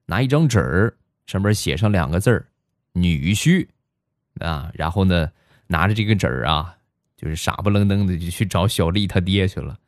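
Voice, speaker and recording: A man's voice: low-pitched, expressive, brisk, no room sound, studio quality. A man, telling comic stories on a podcast in a chatty, playful way. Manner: chatty and playful, heavy erhua. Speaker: comedy podcast host. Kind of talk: comic storytelling.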